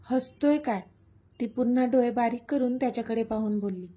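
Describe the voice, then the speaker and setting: A woman narrates a serialized love story as a scripted storybook reading. Her voice is fairly high, with a warm, breathy tone. She keeps an even, gentle pace. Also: fast.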